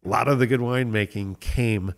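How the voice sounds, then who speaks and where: A middle-aged man from the United States, talking as a winemaker guest in a relaxed interview, thoughtful and enthusiastic with frequent fillers. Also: lowish voice, a little fast.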